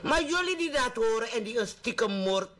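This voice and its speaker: A male radio host with a high-pitched voice and a Surinamese Dutch accent. He talks casually but emphatically, in a preachy way, repeating phrases to drive them home. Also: animated, moderate pace, crowd noise.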